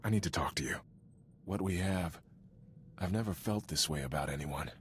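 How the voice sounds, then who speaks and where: A man's voice: low voice, normal speed, slight background noise, close to an everyday voice. An actor playing a lovestruck soldier in a video game, showering his beloved with intense, adoring declarations in a love-bombing manner.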